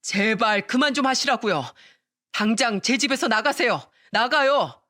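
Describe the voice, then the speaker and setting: A woman's voice: a little high, a little slow, no room sound, studio quality. A woman voicing a young husband in a narrated radio story, firm and exasperated but caring. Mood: angry. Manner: firm with mother, gentle with wife.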